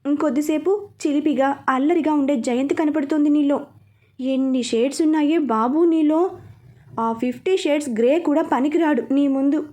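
Woman doing a playful, bossy young woman, high voice, soft mellow tone, storybook dialogue. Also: normal speed, lightly acted. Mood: exasperated teasing. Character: teasing young woman, the heroine's sister-in-law and friend.

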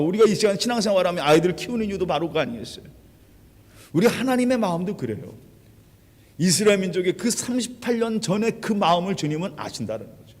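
A male pastor preaching a sermon. He retells stories dramatically and acts out the quoted lines, swinging from quiet to loud. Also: high-pitched. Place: church sanctuary. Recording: long hall reverb.

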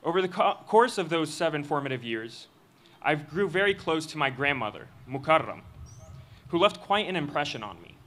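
A young man giving a student speech at a graduation ceremony, reading a prepared text into a podium microphone in an earnest, measured way. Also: on the high side, expressive, a bit bright. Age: young adult. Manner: earnest, measured delivery with occasional slips. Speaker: student commencement speaker. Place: outdoor stage of a graduation ceremony.

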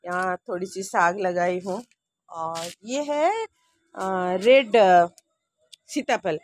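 A woman in her sixties films a handheld phone tour of her rooftop garden outdoors, chatting homely and direct to her viewers. Her voice is lowish and she takes it slowly. There's no room sound.

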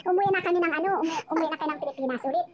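High, fast-talking woman telling her story. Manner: rambling, emotional, with frequent restarts. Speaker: storyteller on a live chat. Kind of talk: casual life-story telling.

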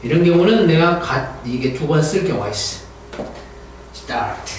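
A man teaching English vocabulary, drawing out each English word slowly for students to repeat and explaining quickly in between. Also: a little high, animated, recorded from a distance, slight background noise. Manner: slow, drawn-out English words, quick Korean asides. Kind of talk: vocabulary lesson, call-and-repeat drills. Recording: very echoey room, heard from afar.

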